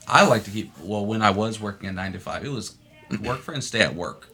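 A man's voice: lowish voice, expressive, fairly quick, creaky, pushed and bright, a little hiss or hum. A man co-hosting a casual podcast, chatting and teasing his guests. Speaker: podcast co-host. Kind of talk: casual chat. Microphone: podcast microphone.

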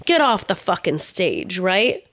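A woman's voice: fairly low pitch, sing-song, unhurried, fairly bright tone, dry recording. Chatty woman with a dry sound. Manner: chatty, swears, laughs along. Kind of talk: casual chat about a movie.

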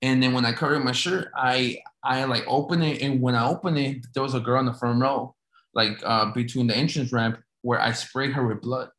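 A man's voice: mid-range voice, fairly even intonation, moderate pace, fairly bright tone. A man telling a story casually, rambling with lots of restarts. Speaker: storyteller recounting an injury. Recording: echoey room.

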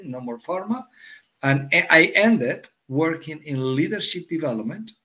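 A man from Argentina, a guest answering interview questions in a halting way and often repeating words. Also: fairly high pitch, a bit bright. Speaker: guest, executive coach.

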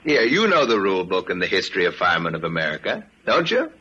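An actor playing a hard, cynical fire captain in a radio drama, sardonic and given to barking orders. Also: male voice, low voice, wildly swooping pitch, fast talker, bright, forceful tone, slight background noise, heavily acted. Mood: sardonic, authoritative. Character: hard, commanding, cynical fire captain who burns books. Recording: slightly dull radio drama recording.

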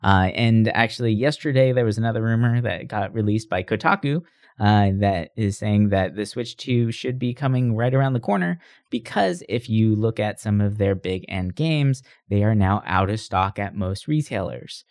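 A podcast host with a lowish, somewhat dark voice discusses gaming news at a moderate pace, keeping it casual and often adding rhetorical tag questions to check you agree. The recording is dry and clean, with a studio sound.

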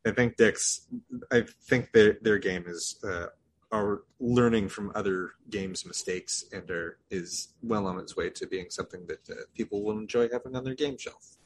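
Low male podcast co-host, hesitant and casual, faint background hiss. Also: moderate pace. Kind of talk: casual chat.

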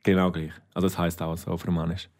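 A man teaching words in a casual lesson, patient and repeating each word slowly. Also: sits low, flat delivery, a little mellow. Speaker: Romansh teacher.

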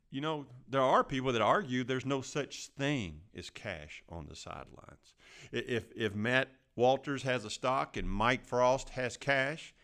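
Male financial podcast host, mid-pitched with noticeable vocal fry, plain-spoken and conversational. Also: sharp tone. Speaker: financial advisor.

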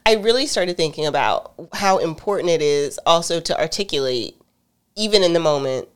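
A middle-aged woman co-hosts a relationship talk show, a podcast of casual couple conversation, where she speaks directly and tells animated stories punctuated by laughter. Her voice is deep and smooth, at a moderate pace.

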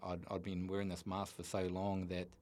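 New Zealand man in his thirties, very low voice, earnest and halting personal account. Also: monotone, a little mellow. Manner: earnest, halting with many restarts. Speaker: guest. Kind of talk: candid personal story.

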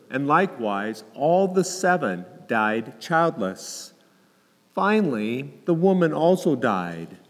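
A man, a clergyman, reading the Gospel aloud in a solemn, deliberate, liturgical way. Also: fairly high pitch. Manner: measured, deliberate phrasing. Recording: reverberant hall.

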